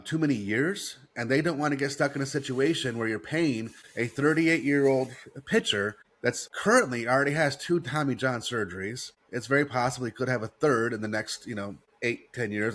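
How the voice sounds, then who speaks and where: A man's voice: mid-range voice, normal speed, few pauses, a bit bright. Stuffy-nosed American man talking sports. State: congested with a head cold, mouth breathing. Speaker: sports talk host. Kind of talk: sports talk commentary.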